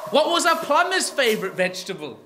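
A man's voice: very high voice, very animated, brisk, heavy background noise. A man, a children's pastor, cracking goofy puns and rambling through fruit and veg jokes on a kids' church show. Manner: goofy, pun-loving, rambling.

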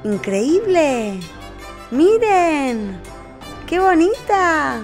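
A woman hosting a children's toy show with a bright, sing-song, exclamatory welcoming delivery. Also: high voice, very animated, very slow, faint music behind. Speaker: toy channel host.

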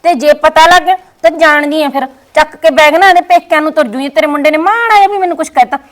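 A woman's voice: high-pitched, fast, lightly acted. A woman with a Punjabi accent playing a bossy, scheming young daughter-in-law who orders her mother-in-law around. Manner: commanding, scolding. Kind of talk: scripted family skit.

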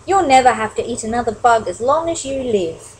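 A gentle, loving mother bat, as a woman reads her. The storybook voice is soft and fairly high, with lively rises and falls. A faint hiss stays underneath. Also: fairly quick, lightly acted, poor audio. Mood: tender.

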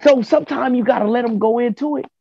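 A man's voice: extremely high pitch, quick pace, creaky, background noise. A man in casual podcast chat, telling stories and arguing his point by acting out both sides of a conversation. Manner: animated, argumentative storytelling with quoted back-and-forth. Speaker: podcast panelist. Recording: dull lo-fi podcast audio.

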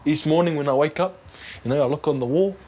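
Interviewed in a small bedroom, this young New Zealander hoping to play rugby talks casually and earnestly, hesitating now and then. His voice is on the high side and dark-toned, his pace quick, and faint noise sits in the background.

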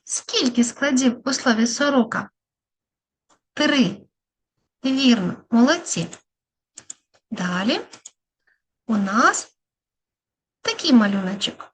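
A woman speech therapist giving a lesson to young children, sounding out words slowly syllable by syllable and encouraging them. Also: a little high, expressive, a little hiss or hum. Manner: slow, syllable-by-syllable, encouraging teacher talk.

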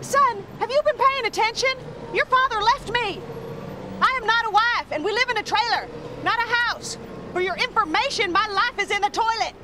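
A woman's voice: extremely high pitch, moderate pace, very noisy. An actress playing a blunt, earnest, middle-aged working-class mother who talks in plain country speech. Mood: impassioned. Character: worn-down, determined working-class trailer-park mother.

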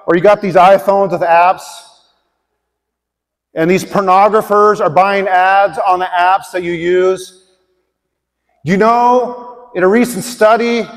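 A middle-aged man preaching a conversational sermon to a congregation in a large church auditorium, asking them direct questions. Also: sits high. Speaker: pastor. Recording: long hall reverb.

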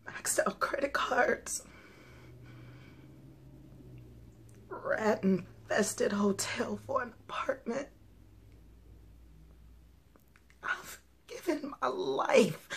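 A woman's voice: very high voice, bright, forceful tone, full character voice. A woman playing a desperate struggling actress in a tragic dramatic monologue, sorrowful and anguished, crying, moving between whispers and wails. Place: small plain room indoors.

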